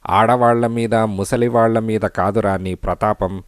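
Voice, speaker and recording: A bold young hero of a cartoon story, boastful in his daydreams and fearless against danger, as a male narrator puts him on. The voice sits low and steady, recorded dry and close. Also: unhurried, smooth, no echo, lightly acted. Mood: defiant. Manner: boastful, then defiant and commanding. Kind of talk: storybook character voice.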